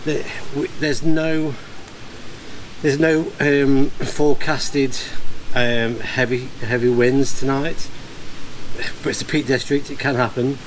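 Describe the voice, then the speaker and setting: An amateur radio operator vlogs a hands-on task, narrating casually and hesitantly thinking aloud, out in the field and inside a barn. His mid-range voice has fairly even intonation and a slow pace, in a low-quality recording with clear ambient noise from the location.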